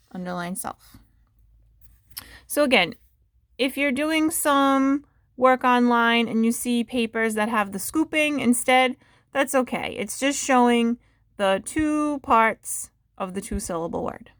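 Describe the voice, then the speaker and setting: A woman teacher takes young children through a phonics lesson at an unhurried pace, breaking each word into its parts and sounding them out one by one. She speaks patiently and checks in with questions for the listener. The recording is dry and close, with no room sound. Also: on the high side, a bit bright, dry recording.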